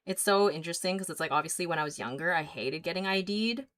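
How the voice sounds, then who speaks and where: A woman in her mid-thirties talks casually to her livestream viewers while she paints. Her voice sits notably low for a woman, and she rambles along with plenty of ums, likes and small giggles. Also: fast, fairly bright tone. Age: 30s. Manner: rambling, filler-heavy, giggly. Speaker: artist livestream host.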